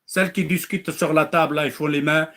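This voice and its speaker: A man's voice: a little high, fairly even intonation, a little fast, a bit bright. A man preaching to listeners in French, acting out little dialogues, firing rhetorical questions and mocking now and then. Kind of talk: animated religious talk.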